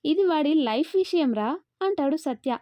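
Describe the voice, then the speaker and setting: A woman narrating a love story and reading every character's lines in one steady, quick delivery. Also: sits high, no echo, studio quality. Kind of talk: scripted narration of a love story, all parts read by one voice.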